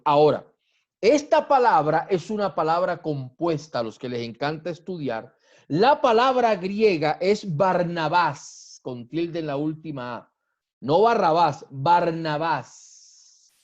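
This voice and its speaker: A male Colombian pastor preaches slowly, weighing each word and repeating his points. His volume rises and falls widely across phrases. The recording sounds muffled and lo-fi. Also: fairly high pitch. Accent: Colombian Spanish. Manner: slow teaching delivery with repetition and wide swings in loudness. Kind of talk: sermon. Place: church sanctuary.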